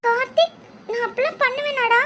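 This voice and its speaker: A man's voice: extremely high pitch, steady tone, fairly quick, heavy background noise, voice pushed up. A man voicing a tearful young woman, a bride who pleads with her brothers and reproaches them. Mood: reproachful.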